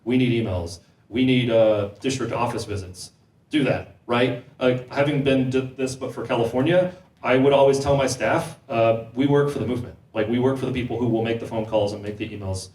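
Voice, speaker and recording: A man's voice: mid-range voice, darkish tone. Man speaking at a panel in an echoey hall. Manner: quick, repeats words while thinking. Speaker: panel speaker on housing policy. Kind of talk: conversational panel discussion. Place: event hall. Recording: echoey room, mic heard from a distance.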